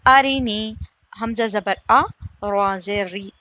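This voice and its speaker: A woman teaching a slow recitation lesson. She asks her listeners questions, answers them herself, and stretches the example vowels out slowly. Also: mid-range voice, bright, forceful tone, dry recording, lo-fi sound. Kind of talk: slow step-by-step tajweed lesson.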